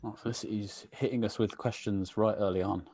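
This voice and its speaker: A man's voice: on the low side, fairly even intonation, fairly quick, mellow, dry recording. A man hosting a live online meetup, chatty and full of fillers, greeting viewers by name over a video call. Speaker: webinar host. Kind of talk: casual live-stream chat.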